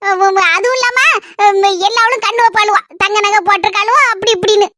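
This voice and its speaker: Woman doing a fed-up housewife, kanyakumari accent, really high voice, rattles on fast. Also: steady tone, sharp tone, no echo, clean studio sound. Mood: grumbling. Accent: Kanyakumari Tamil. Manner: long rapid grumbling rants. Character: harried housewife and mother, complaining. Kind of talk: family comedy skit.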